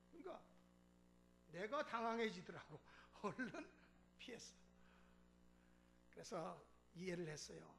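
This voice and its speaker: A man's voice: high voice, vocal fry, a little hiss or hum. A man preaching a sermon as pastor, telling a story and acting out the dialogue with chuckles. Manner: animated, acts out dialogue, chuckles. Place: church sanctuary.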